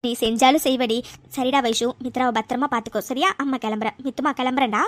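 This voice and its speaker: A woman voicing a loving middle-aged mother in a cartoon story, coaxing and gently scolding her daughters. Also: high voice, steady tone, fast, lightly acted. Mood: tender. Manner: soothing, coaxing with "ha?" tags.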